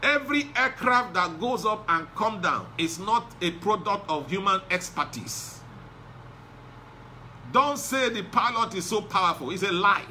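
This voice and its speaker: A man delivers a sermon in a high, bright voice. He hammers his points home through repetition. A faint noise hangs behind him. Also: expressive, measured pace. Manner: preaching with emphatic repetition. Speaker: pastor.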